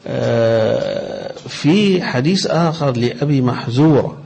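A man with an Egyptian accent explaining hadith in a religious lesson, reciting quoted phrases slowly and deliberately. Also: mid-range voice, expressive, creaky, a little mellow, a little hiss or hum. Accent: Egyptian Arabic. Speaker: religious teacher.

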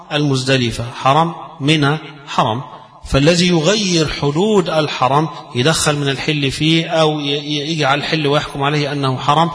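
An Islamic scholar with an Egyptian Arabic accent teaches a lesson on hadith in a medium-pitched, slightly bright voice. He shifts between classical recitation and colloquial explanation, raising his voice when quoting. A long hall reverb fills the recording.

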